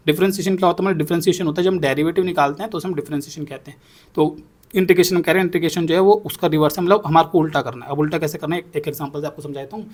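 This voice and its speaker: A man's voice: on the high side, a little mellow. A young man teaching a maths class, explaining step by step and checking in often with his students. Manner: repeats himself, checks in with "ठीक है ना". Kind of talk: explaining on a whiteboard.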